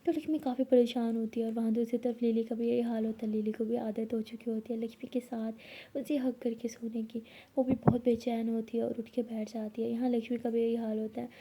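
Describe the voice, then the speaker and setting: A young woman narrating a love story in a casual way, speaking the characters' lines herself and often dropping to a soft whisper. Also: fairly high pitch, flat delivery, brisk, a little hiss or hum. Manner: acts out both girls' lines in her own voice, often whispering softly.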